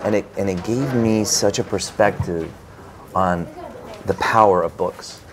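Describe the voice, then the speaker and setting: A man with a somewhat low voice tells a personal story as an interview guest. He acts out his own past reactions with lots of filler words and restarts. Steady background noise sits under the voice. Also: unhurried. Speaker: author guest. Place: bookstore event space.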